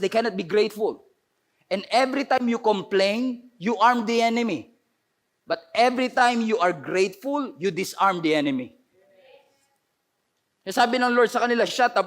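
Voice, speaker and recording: A hoarse man preaching an impassioned sermon as pastor, switching between Tagalog and English and building to emphatic outbursts for an online audience. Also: sits high.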